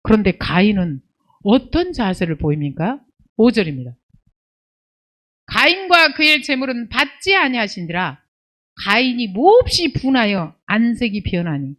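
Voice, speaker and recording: Woman pastor, sermon delivery, lively pitch that swings widely, fairly high voice, emphatic and scolding. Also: unhurried. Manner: emphatic preaching with rhetorical questions and call-and-response "예".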